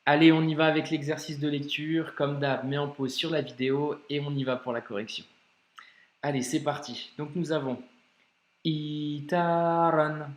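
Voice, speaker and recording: A man teaching Arabic reading in an informal video lesson, speaking directly and encouragingly to the learner and slowly sounding out each word. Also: fairly high pitch, fairly even intonation, echoey room. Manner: slows down to sound out words carefully.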